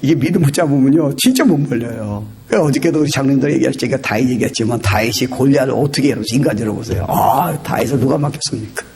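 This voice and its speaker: A male pastor preaching a sermon, animated and exhorting, who breaks into shouted quotes and slips in English phrases. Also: medium pitch, fast, gravelly, hardly any pauses. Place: church.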